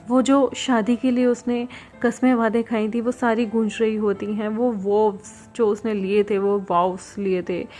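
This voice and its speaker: A woman's voice: a little high, a little mellow. A woman retelling a fan fiction story in a plain, conversational way, mixing English words into her speech.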